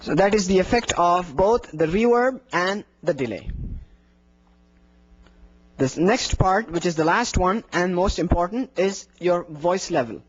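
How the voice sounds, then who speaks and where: This young adult man, an adhan instructor, has a high, expressive voice and speaks a little slowly while giving a workshop lecture on the call to prayer, demonstrating it himself. He's indoors against a plain wall, using a handheld microphone plus a lapel mic. The recording is muffled, with a little hiss or hum.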